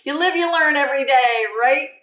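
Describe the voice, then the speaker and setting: In an echoey room, a woman in her seventies pitches online income to her livestream viewers, chatty and rambling, repeating key phrases. Her voice sits high, with a fairly quick pace and fairly bright tone.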